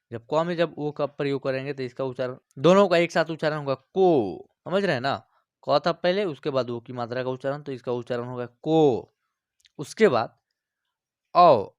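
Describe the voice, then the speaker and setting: A male teacher walks through a lesson step by step. He keeps asking whether his listeners follow. His voice sits a little high, and the recording is dry and close. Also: smooth, no echo. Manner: explains step by step, often checks understanding. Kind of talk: online class lesson.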